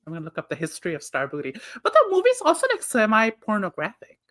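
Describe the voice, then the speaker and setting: High-pitched with huge pitch swings, this Nepal-raised podcast guest talks quickly in a bright, forceful voice. He's casual and teasing, giggling and bursting into laughter often.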